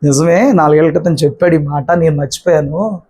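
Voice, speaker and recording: Addressing a church congregation, a man delivers a sermon at a fairly quick pace, pressing his message through repeated phrases and rhetorical questions. He speaks in a high, warm voice with a breathy edge.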